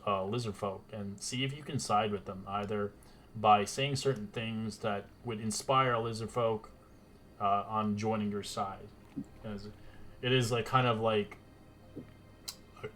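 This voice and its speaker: A man narrating as game master of a tabletop game, halting and restarting as he describes the scene. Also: on the low side, fairly bright tone, slight background noise. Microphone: home mic on a voice call.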